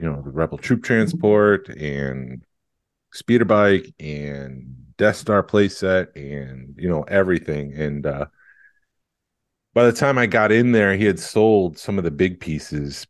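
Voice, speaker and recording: Low-voiced male podcast co-host. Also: no room sound, clean studio sound. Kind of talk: casual chat.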